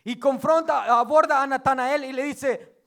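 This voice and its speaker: Man preaching in church, really high voice for a guy, tells the bible stories like a chat with little jokes thrown in. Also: normal speed. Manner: retells scripture as lively storytelling with joking asides. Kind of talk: sermon.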